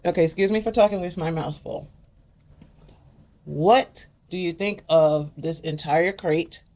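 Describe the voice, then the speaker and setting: A woman's voice: lowish voice, measured pace, a little mellow. An older woman hosting a casual chat, chatty, sometimes reading package text aloud. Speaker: host.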